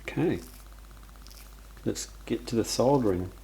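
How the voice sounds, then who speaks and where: A man's voice: mid-range voice, unhurried, creaky, a little hiss or hum. A man with an Australian accent casually explaining car wiring work as he does it, thinking aloud. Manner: relaxed, thinking aloud while working. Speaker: DIY car vlogger. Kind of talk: casual how-to narration. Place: at a car's engine bay, working on it.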